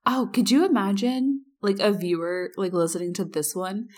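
A woman's voice: medium pitch, steady tone, normal speed, darkish tone. A woman co-hosting a podcast in casual comedic chat, teasing and slipping into little imagined dialogues. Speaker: podcast co-host.

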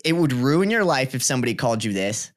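A man co-hosting a podcast, chatting in an animated way with crude jokes. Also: mid-range voice, fast talker. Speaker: podcast co-host. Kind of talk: casual chat.

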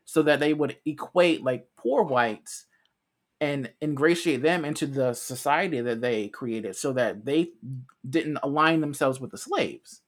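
A man's voice: fairly high pitch, a little slow. An American man co-hosting a casual podcast, explaining his views earnestly and at length, often restarting his phrases. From United States. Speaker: podcast co-host.

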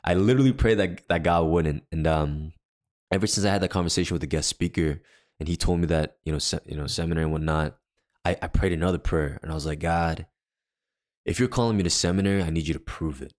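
Deep-voiced and fast, this podcast co-host and worship leader chats casually about a personal experience, wandering off track with frequent fillers and restarts.

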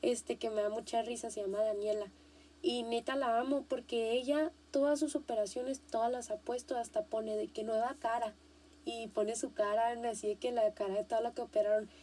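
A young Mexican woman hosting a casual podcast, animated and slangy, repeating herself for emphasis. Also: fairly high pitch, normal speed, slight background noise. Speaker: podcast host.

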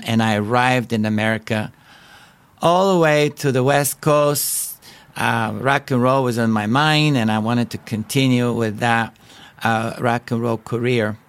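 A middle-aged Bulgarian man, hosting a podcast, shares his personal story in a Bulgarian accent. His medium-pitched delivery is earnest and halting, full of restarts. The recording has no echo.

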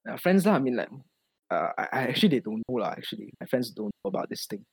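A man's voice: medium pitch, sing-song, fast, vocal fry, husky, dry recording. Young Singaporean man chatting in Singlish. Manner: colloquial Singlish with particles like lah and ah. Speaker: podcast host. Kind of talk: casual podcast chat.

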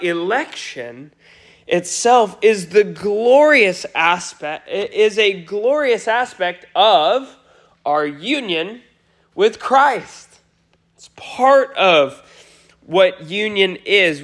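A man's voice: high-pitched, fairly bright tone. A pastor giving a Sunday sermon, his voice nasal today, speaking earnestly with frequent restarts. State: nasal from a cold.

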